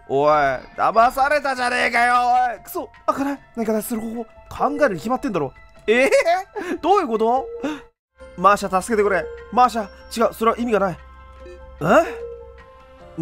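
A man giving animated let's-play commentary in rough, casual speech, often laughing. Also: high voice. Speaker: game streamer.

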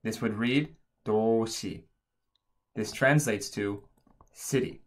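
A man's voice: mid-range voice, normal speed. A man narrating an instructional language lesson as a teacher, explaining things step by step.

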